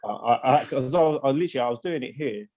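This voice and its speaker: A man talking on a podcast in casual chat. He restarts his sentences as he goes and swears without a second thought, in a voice of ordinary middle pitch. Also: fast talker, a little mellow. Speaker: podcast co-host.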